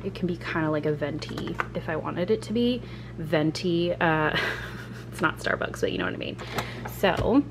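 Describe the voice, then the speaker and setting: Chatty low-voiced woman vlogging at home. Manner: chatty, relaxed, many "like" fillers. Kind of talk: casual chat to camera. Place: home kitchen. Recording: home recording with clear background noise.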